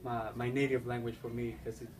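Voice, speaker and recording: Through a distant mic with some faint background noise, a young native Spanish speaker answers interview questions in English with a Spanish accent. His medium-pitched voice stays level and a little quick, though he hesitates, restarts, and leans on fillers.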